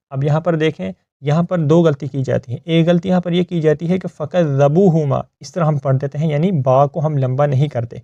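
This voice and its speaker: Man teaching slow Quran recitation. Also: on the high side, vocal fry, dark tone, no room sound, highs cut off. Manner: explains rules patiently, often checks "theek hai?"; recites verses slowly and drawn out. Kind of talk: step-by-step recitation lesson.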